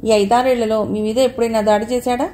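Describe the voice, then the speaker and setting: A woman voicing a male police sub-inspector in an audiobook story, asking questions in a brisk, official way. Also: on the high side, fairly even intonation, warm tone, close to an everyday voice. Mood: questioning.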